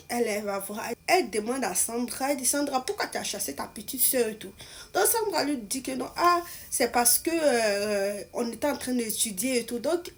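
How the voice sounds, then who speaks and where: A woman telling a story in a casual, animated way, often trailing off with repeated asides. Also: medium pitch.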